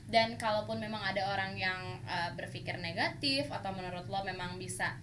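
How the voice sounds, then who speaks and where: A woman's voice: mid-range voice, brisk, noisy background. A young woman hosting a podcast in casual chat, slipping English phrases into her talk. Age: young adult. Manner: chatty, mixes English phrases into her speech. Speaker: podcast host.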